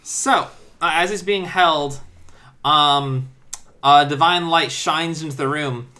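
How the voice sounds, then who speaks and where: Bright-voiced male game master. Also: on the high side, takes it slowly. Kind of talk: narrating a tabletop game.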